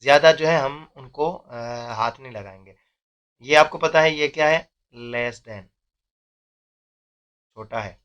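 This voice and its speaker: Young male math teacher, bright tone, patient step-by-step lesson. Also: on the high side, takes it slowly, long pauses, lo-fi sound. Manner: explains step by step, often says "theek hai".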